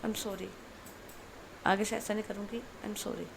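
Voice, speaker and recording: A woman voicing a young female student who softly and coaxingly pleads with her girlfriend in a hushed voice. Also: fairly high pitch, slow, vocal fry, background noise. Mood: pleading.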